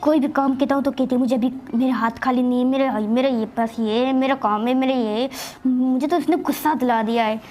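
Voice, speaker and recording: A woman's voice: high-pitched, fairly even intonation, a little fast, few pauses, a little mellow, slight background noise, voice pushed down, natural voice. A woman voicing an impatient, angry young husband who scolds and complains in a game role-play. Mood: grumbling.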